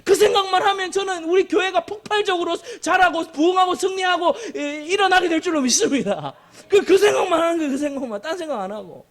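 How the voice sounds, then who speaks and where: Male pastor, sermon. High voice, big swings in pitch. Emphatic, repeats lines, jokes with the congregation. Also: fast, hardly any pauses. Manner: animated and emphatic, with jokes and repetition.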